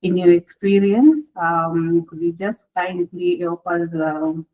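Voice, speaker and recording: A woman's voice: lowish voice, fairly even intonation, slow, dark tone. A woman moderating a panel, asking polite, hesitant questions with many fillers. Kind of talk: panel discussion. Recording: dull lo-fi audio.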